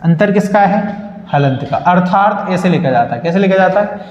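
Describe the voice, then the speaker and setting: High-voiced man teaching in an echoey room. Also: animated, moderate pace, darkish tone. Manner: asks questions and answers them himself, calls listeners beta. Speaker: Hindi grammar teacher. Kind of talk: classroom lesson with call-and-response questions. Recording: echoey room, slightly dull sound.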